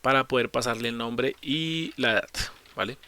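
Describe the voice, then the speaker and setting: Male tutor with a bright voice for a screen-recorded coding lesson. He walks through each step, poses questions and answers them himself, with keyboard typing behind. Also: mid-range voice, moderate pace, smooth. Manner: explains step by step, asks and answers his own questions, corrects slips. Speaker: programming teacher.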